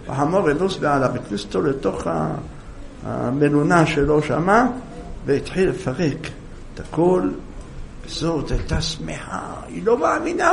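A man with a high, gravelly voice tells a sermon story with lively, animated delivery. Faint noise sits behind him. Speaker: rabbi telling a moral story.

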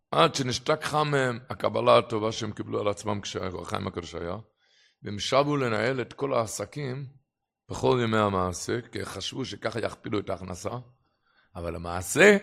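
A man's voice: fairly low pitch, fairly bright tone. A man preaching a religious sermon and telling stories, impassioned, with his voice swelling and dropping for emphasis. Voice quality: gravelly.

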